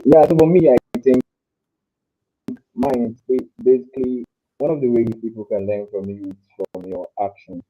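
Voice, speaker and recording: Speaking on a remote panel, a young man from Africa sounds fairly low and warm as he talks earnestly into his headset mic. Clipping leaves the call audio fuzzy. His delivery is halting, with repeated words.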